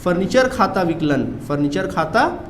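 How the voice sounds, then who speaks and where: A man's voice: high-pitched, lively intonation, normal speed, reverberant, slight background noise. A man teaching a commerce class, drilling students with repeated questions and answers. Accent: Chhattisgarhi Hindi. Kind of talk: classroom lecture.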